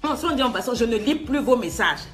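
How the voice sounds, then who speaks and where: A woman's voice: fairly high pitch, animated, fairly quick, faint music behind. A woman life coach giving a motivational talk, scolding and mocking her listener with laughs, slipping in English phrases.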